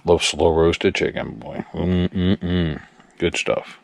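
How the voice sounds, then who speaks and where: A man with a low, deep voice chats easily to camera from outdoors at his campsite. His manner is relaxed and friendly, and he speaks straight to his viewers as he settles in by the campfire. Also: normal speed, no room sound. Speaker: camping vlogger. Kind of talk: casual vlog talk to camera.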